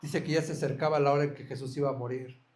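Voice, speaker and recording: A man's voice: mid-range voice, steady tone, fast talker, a little mellow. A man preaching a sermon as a pastor, earnest, asking his listeners direct questions.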